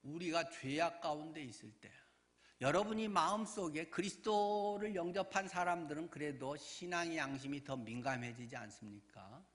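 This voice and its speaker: A male pastor giving a sermon, telling the story in a lively way and acting out the voices of the people in it. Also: a little high. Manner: animated storytelling, acts out voices.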